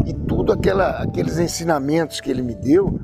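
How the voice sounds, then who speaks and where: A man in his sixties from Brazil talks about his work in a reflective, halting way, often restarting his sentences. His voice is gravelly and a little high for a man. Music plays clearly behind him. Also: animated. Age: 60s. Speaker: business owner. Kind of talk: interview testimony.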